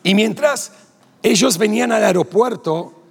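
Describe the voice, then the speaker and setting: High, gravelly Rioplatense preacher in a big hall. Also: male voice, measured pace. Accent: Rioplatense Spanish. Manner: animated storyteller acting out dialogue, laughing. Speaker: pastor. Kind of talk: sermon with storytelling. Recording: long hall reverb.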